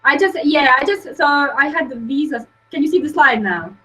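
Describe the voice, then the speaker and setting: Young woman, webinar guest, halting delivery, fairly high voice. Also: pushed and bright, rough recording. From Croatia. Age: young adult. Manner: hesitant, filler-heavy, many restarts. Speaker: guest speaker. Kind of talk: webinar presentation.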